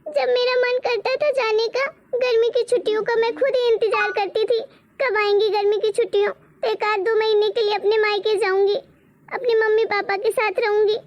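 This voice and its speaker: A woman's voice: very high-pitched, little pitch movement, moderate pace, dull audio, a crowd in the background. Woman voicing a sorrowful cartoon daughter. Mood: wistful. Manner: wistful, sorrowful monologue. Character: grieving married daughter, tender and tearful. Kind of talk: Hindi cartoon moral-story voice acting.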